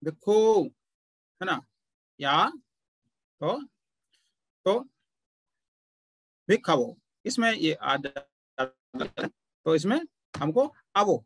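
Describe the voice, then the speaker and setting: A man teaching Pali grammar in an online class, talking very slowly and patiently, pausing often to point things out. His voice sits a little high for a man. The sound is close and dry, with no room echo. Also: animated, a bit bright, breathy edge.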